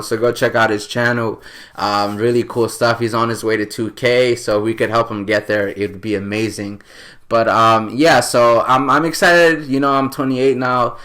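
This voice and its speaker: A man's voice: mid-range voice, fairly bright tone. A man in his late twenties from New York, hosting a podcast in a casual, earnest, rambling way with many fillers. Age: 20s. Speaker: podcast host.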